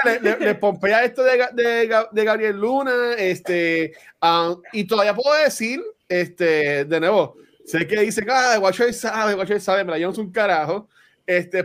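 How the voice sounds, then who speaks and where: A man hosts a casual podcast chat in a Puerto Rican Spanish accent. His voice sits high for a man. He rambles excitedly and fills his pauses as he goes. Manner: excitable, rambling with many fillers. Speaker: podcast host.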